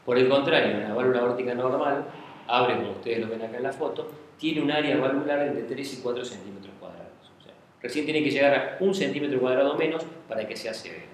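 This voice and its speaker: A man with a medium-pitched voice lectures on medicine at a quick pace, walking through each step and frequently checking in with the class. He speaks in a lecture room, and the recording is very echoey with a faint hiss.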